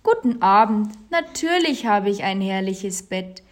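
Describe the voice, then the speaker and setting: Woman putting on a sleepy witch, low soothing voice, storybook. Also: expressive, a little slow, close to an everyday voice. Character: calm witch who casts sleep.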